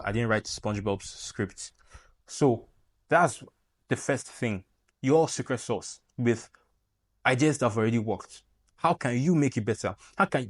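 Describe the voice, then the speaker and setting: A young Nigerian-accented YouTube creator gives a casual, joking tutorial straight to camera, animated and full of playful asides. His voice is medium in pitch, and the recording has no echo.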